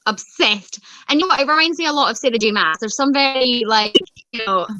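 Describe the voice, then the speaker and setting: A woman's voice: on the high side, animated, fairly quick, pushed and bright, low-quality recording. A woman chatting casually about books, gushing, laughing often and swearing freely. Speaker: book club host. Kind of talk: casual book chat.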